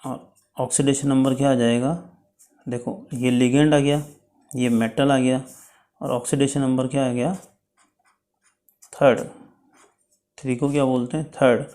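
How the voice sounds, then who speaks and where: A man's voice: mid-range voice, level tone, warm tone. A man teaching chemistry in a step-by-step lecture, checking in often with his students. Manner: explains slowly, checks with "ठीक है".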